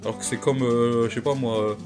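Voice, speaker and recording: A man's voice: medium pitch, fairly even intonation, fairly quick. A young man with Malagasy roots doing a punchy, self-mocking comedy monologue. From Madagascar heritage. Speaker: comedy YouTuber. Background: background music.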